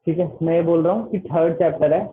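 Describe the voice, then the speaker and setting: A man's voice: on the high side, fast. A man tutoring students in a casual online class, rambling and repeating "okay" after nearly every phrase. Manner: repeats "ठीक है" constantly, loose and rambling. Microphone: online class call. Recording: tinny phone-line audio.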